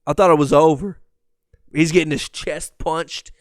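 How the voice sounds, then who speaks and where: A man in his twenties hosting a casual sports podcast, telling a story with profanity and loud shouted reenactments. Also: on the high side, fairly even intonation, normal speed, dry recording, clean studio sound. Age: 20s. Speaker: podcast host.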